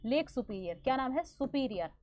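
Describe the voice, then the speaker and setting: Brief: woman exam-prep teacher, Hindi accent, sore throat, rapid quizzing delivery, high voice. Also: lively intonation, darkish tone, slight background noise. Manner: fast-talking, quizzing students with repeated questions and fillers. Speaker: current affairs teacher.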